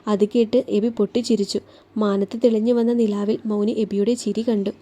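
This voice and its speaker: A woman narrating a romantic story in a calm, even storytelling manner. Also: mid-range voice, normal speed. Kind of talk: scripted narration.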